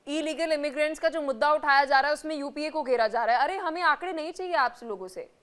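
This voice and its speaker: High-voiced forceful woman anchor. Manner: forceful, rapid-fire, cuts in on guests. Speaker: news debate anchor. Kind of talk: heated TV news debate.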